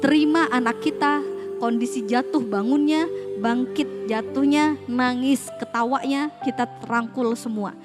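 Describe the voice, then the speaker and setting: High-voiced woman giving a parenting talk. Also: measured pace, over loud music. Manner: addresses parents directly with rhetorical questions; conversational, mixes casual slang. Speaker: school staff speaking to parents. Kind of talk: parenting seminar talk with slides.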